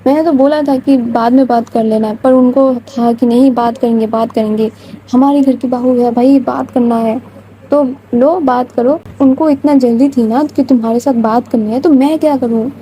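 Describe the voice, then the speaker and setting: A woman voicing a gentle, soothing young woman in love who pleads softly and slowly. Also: a little high, steady tone, slight background noise, natural voice, poor audio. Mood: explaining.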